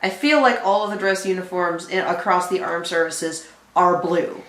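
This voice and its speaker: A woman's voice: fairly low pitch, fairly bright tone. Chatty woman co-hosting, echoey room. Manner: chatty, thinks aloud, quick asides. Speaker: reaction channel co-host. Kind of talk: casual chat.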